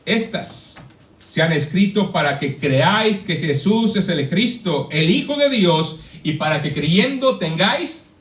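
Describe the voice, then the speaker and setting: A man's voice: high-pitched, lively intonation, unhurried, a bit bright, distant mic. A man from Mexico preaching a sermon to a congregation, conversational and full of questions to his listeners. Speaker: pastor. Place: church hall. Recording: echoey church, speaker away from the mic.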